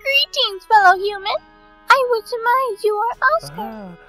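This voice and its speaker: A woman's voice: very high-pitched, unhurried, bright, forceful tone, faint music behind, voice pushed up, exaggerated voice. A woman voicing a stiff female character who talks like a robot faking being human, with formal, mechanical phrasing. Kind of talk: let's play character voicing.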